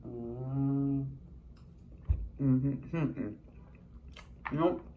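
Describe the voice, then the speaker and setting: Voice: medium pitch, fairly even intonation, very slow, phone-quality sound, slight background noise. A mukbang vlogger in a casual eating video, chatting between bites with lots of chewing murmurs and candid, sweary remarks.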